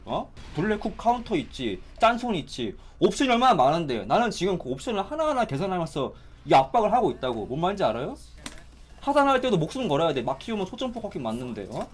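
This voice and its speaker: A man giving excitable live commentary on a fighting game, exclaiming and complaining as he plays. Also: sits high, fast talker, slight background noise. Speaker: gaming streamer.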